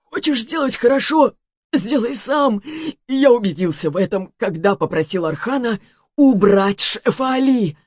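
Lady doing a wheezy poisoned rich guy yelling curses, loud and high. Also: expressive, measured pace, dry recording, studio quality, full character voice. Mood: hoarse confession. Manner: shrill shouting, cursing. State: wheezing, weak. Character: poisoned rich man, panicking and vicious.

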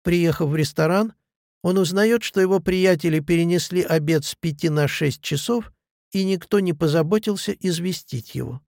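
Man reading a lecture, gravelly voice. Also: high voice, a little mellow, no echo, clean studio sound. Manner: measured, analytical. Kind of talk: reading a literature lecture aloud.

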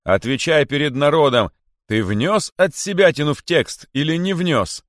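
A man's voice: mid-range voice, sing-song, moderate pace, no room sound, clean studio sound, natural voice. A man voicing a stern, domineering male rabbit king who speaks with grim sarcasm in an audiobook. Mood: commanding. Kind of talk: audiobook character voice.

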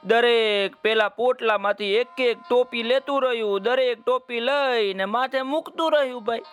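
A man's voice: extremely high pitch, moderate pace. A man telling a folk tale to children, speaking directly to his young listeners. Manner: warm, addresses young listeners directly by name. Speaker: children's storyteller. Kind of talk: children's story narration.

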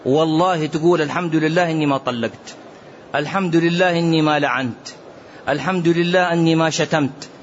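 Man, religious Q&A lesson, fairly high voice, muffled recording with faint hiss. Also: fairly quick. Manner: earnest preaching, mixes classical and dialect, quotes others. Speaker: Islamic scholar answering questions. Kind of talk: religious Q&A lesson with colloquial asides.

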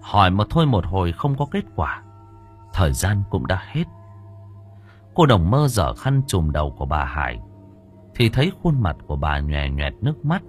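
A man narrating an audiobook story in an expressive storytelling manner. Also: low-pitched, normal speed. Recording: narration with faint music.

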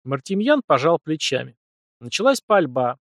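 A man narrating a novel in an even, measured storytelling voice. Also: on the high side, dry recording, studio quality. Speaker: audiobook narrator. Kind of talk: scripted narration.

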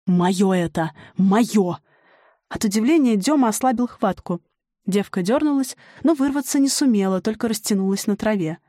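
A woman reading a dark folk fantasy as an audiobook narrator, measured and dramatic. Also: on the high side, lively intonation, no echo, studio quality. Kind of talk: scripted narration.

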